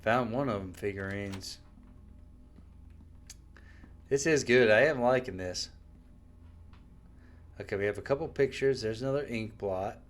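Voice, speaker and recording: A man casually commenting on a horror game while he plays, relaxed and musing. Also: lowish voice, moderate pace. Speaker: gameplay commentator. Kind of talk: casual let's play commentary.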